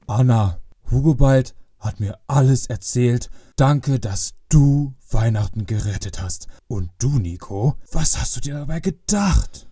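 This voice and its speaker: A man's voice: mid-range voice, lively intonation, measured pace, hardly any pauses, warm tone, husky, dry recording, studio quality. A man playing a jolly, kindly old Santa Claus in a children's Christmas audio play, speaking in a benevolent, fatherly way. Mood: gently solemn.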